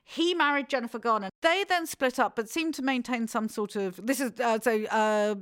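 A woman's voice: fairly high pitch, moderate pace, a bit bright, clean tone. A middle-aged woman, hosting a podcast and telling gossipy stories in a chatty way. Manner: chatty, gossipy storytelling with laughs. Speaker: podcast host. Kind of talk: casual chat.

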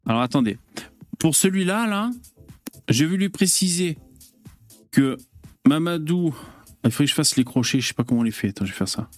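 A man's voice: on the high side, lively intonation, a little fast, pauses often, soft background music. Chatty French-speaking man hosting a live stream. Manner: chatty, hesitant, full of fillers and swearing. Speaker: host. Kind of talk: casual live-stream chat.

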